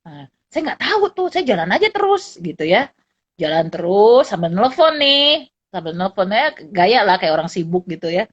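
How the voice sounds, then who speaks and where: A middle-aged woman psychologist and lecturer chatting casually, telling animated anecdotes and often laughing. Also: medium pitch, moderate pace. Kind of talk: casual storytelling chat. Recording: dull lo-fi recording.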